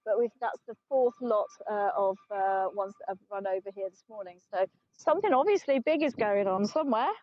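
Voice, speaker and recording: A middle-aged tour guide from England leads a live walking tour across an open plateau, chatty, self-mocking, laughing often and sounding tired. Her medium-pitched voice is expressive and fairly quick, with hardly any pauses. It's streamed on a phone, so the sound is dull and lo-fi.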